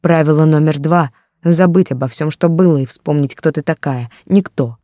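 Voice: medium pitch, normal speed, dark tone, dry recording, close to an everyday voice. A reader voicing a cruel, jealous male warlord who speaks in contemptuous threats, recorded dry and close. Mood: menacing. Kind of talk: audiobook character reading.

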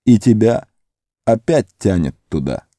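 A man's voice: fairly low pitch, sing-song, measured pace, dark tone, no echo, clean studio sound. A man voicing Frodo, a stern and resolute young hobbit, in an audiobook. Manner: stern, commanding. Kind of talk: audiobook character voice.

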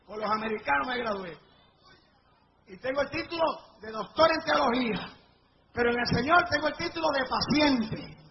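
A middle-aged male evangelist with a strikingly high voice delivers a fervent revival sermon to a live congregation. He tells his testimonies dramatically and builds to shouts at the peaks. The recording sounds dull and lo-fi, with a faint hiss behind him. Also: moderate pace, gravelly. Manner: fervent storytelling, rising to shouts at climaxes. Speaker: evangelist preacher. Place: church or revival meeting before a live congregation.

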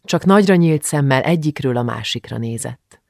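A man narrating an audiobook in a measured, even storytelling manner. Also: mid-range voice, creaky, no echo, studio quality. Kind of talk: scripted narration.

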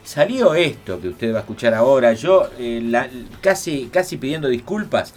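A man's voice: mid-range voice, big pitch swings, moderate pace, faint music behind. A man co-hosting a radio show, joking in a hesitant, half-apologetic way. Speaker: radio co-host. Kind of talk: casual radio chat.

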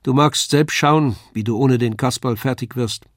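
A man's voice: medium pitch, moderate pace, no room sound, clean studio sound, lightly acted. A man voicing a severe, curt older puppeteer's wife in a storybook. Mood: stern. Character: stern wooden-faced older puppeteer's wife.

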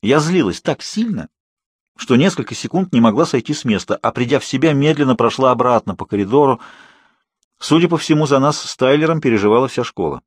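A man reads the story aloud in a steady, measured way, his voice mid-pitched and a little husky. It is recorded close and dry, with no room echo. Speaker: audiobook narrator. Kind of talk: scripted narration.

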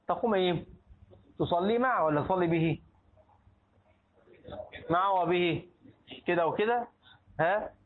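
A man teaching a class on Islamic jurisprudence in colloquial Egyptian Arabic, quizzing his listeners and repeating and restarting words as he goes. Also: high voice. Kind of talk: colloquial Egyptian lecture with questions to students. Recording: tinny phone-like lecture recording.

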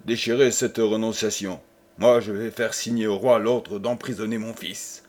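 A man voicing a cold, menacing old nobleman who speaks with sinister calm. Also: on the low side, moderate pace, close to an everyday voice. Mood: coldly menacing.

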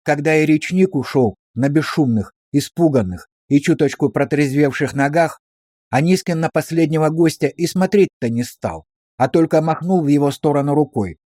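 A man narrating a novel aloud in a steady audiobook reading. His voice sits somewhat high for a man, and the recording is close and dry with no room around it. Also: normal speed, no echo.

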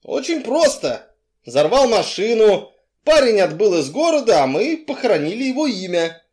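A sly, blustering crime boss, as a male reader acts him out, mocking and evasive, flaring into shouts. The voice sits a little high and swings widely between sneers and bursts. It is from a crime audiobook. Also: very animated, normal speed.

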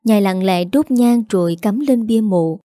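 A woman narrating an audio story in an even, measured way. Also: mid-range voice, no echo, clean studio sound.

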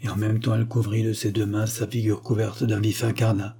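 A man narrating a classic novella in a measured audiobook reading. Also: on the low side, little pitch movement, mellow, husky. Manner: measured literary delivery.

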